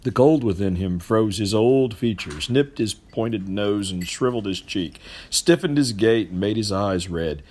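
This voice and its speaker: A middle-aged man with a fairly low voice reads literary fiction aloud like an expressive storyteller. His phrasing is emphatic, theatrical and deliberate.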